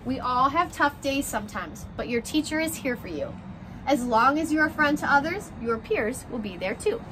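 Recorded outdoors on a porch near glass doors, a woman in her twenties who teaches first grade reads expressively to young children and talks directly to them. She has a high-pitched voice and speaks at a normal speed over a noisy background.

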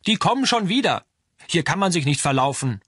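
A man's voice: on the high side, sing-song, moderate pace, pushed and bright, husky, no echo, clean studio sound, heavily acted. A firm woman in charge, as a male narrator puts her on. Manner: firm, brooks no argument.

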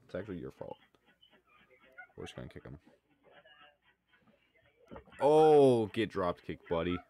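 A man's voice: deep voice, sing-song, a little slow, warm tone. A young man giving loose, casual running commentary on fail clips, full of exclamations. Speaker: reaction video creator.

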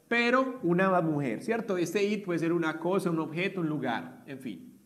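High-voiced man teaching grammar. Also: lively intonation, moderate pace, fairly bright tone. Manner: explains step by step, checks with "¿sí?". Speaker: English teacher. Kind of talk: online class explanation.

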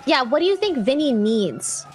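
A young woman chatting in character in a roleplay game, bubbly and animated, often giggling. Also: high voice, moderate pace, over a noisy crowd. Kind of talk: casual in-character roleplay chat.

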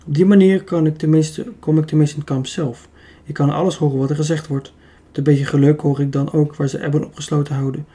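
A man reading an audiobook, voicing a self-assured young woman who calmly argues her plan. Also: a little high, quick pace, hardly any pauses, natural voice. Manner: calm, persuasive. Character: very young woman, confident and clever.

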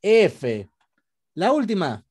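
Male teacher, patient and step-by-step, video call, very animated pitch. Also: very slow, slightly rough. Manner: patient, explains step by step, asks students questions. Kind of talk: online class lesson.

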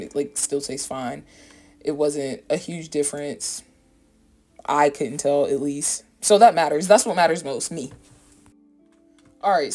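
An American woman narrates a home cooking vlog in a casual, chatty, slangy way, walking through a recipe in voice-over. Her voice is low and a bit mellow, with background music playing.

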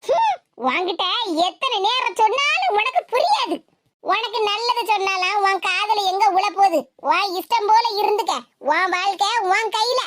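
A woman voicing a calm, lecturing inner conscience with a Tirunelveli accent in an animated cartoon. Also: very high-pitched, normal speed, no room sound. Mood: preachy. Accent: Tirunelveli Tamil. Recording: hissy home recording.

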